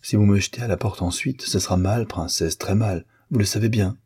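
A man's voice: fairly low pitch, fairly quick, warm tone, breathy edge. A man reading an audiobook, voicing an impetuous young male violinist who answers with vehement, disdainful outbursts. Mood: pleading.

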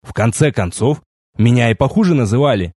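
A man reading a first-person fantasy novel aloud with wry, lively storytelling. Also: medium pitch, fairly quick, slightly rough, no echo, studio quality. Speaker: audiobook narrator.

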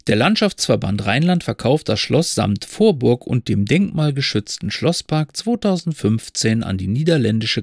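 Gravelly, wry German podcast host. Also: male voice, fairly low pitch, no echo, studio quality. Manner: wry, rambling and musing. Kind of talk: monologue and poem reading.

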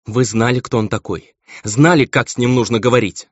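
A man's voice: mid-range voice, normal speed, no echo, pitched above the performer's own voice, close to an everyday voice. A man voicing a bitter, scornful noblewoman and mother in a raised voice, on a dull, lo-fi recording. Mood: indignant.

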